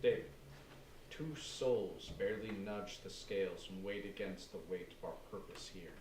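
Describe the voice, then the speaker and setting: A man playing a calm, grandiose cult leader who speaks softly and with chilling composure. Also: deep voice, normal speed, natural voice. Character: calm, menacing middle-aged male cult leader. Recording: roomy and distant with faint noise.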